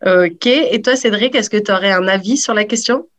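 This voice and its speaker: A woman's voice: mid-range voice, moderate pace, dull audio. A woman hosting a radio sports quiz over a video call, teasing the players. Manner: playful, teasing. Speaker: quiz host.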